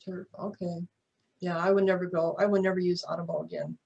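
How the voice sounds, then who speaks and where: A woman's voice: fairly low pitch, steady tone, a little fast, creaky, a little mellow, breathy edge, highs cut off. A woman chatting informally as an author guest on a podcast. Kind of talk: casual chat.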